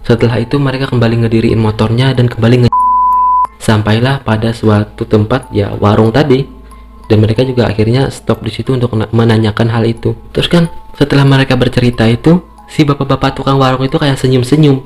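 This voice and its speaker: Over background music, a man tells a horror story in an informal, conversational way, acting out the dialogue and repeating phrases for emphasis. His medium-pitched voice is steady in tone and brisk.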